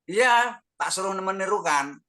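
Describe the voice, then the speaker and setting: A man's voice: high voice, animated, unhurried, pushed and bright. An older man, earnestly telling his personal testimony with lots of quoted dialogue. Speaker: testimony guest.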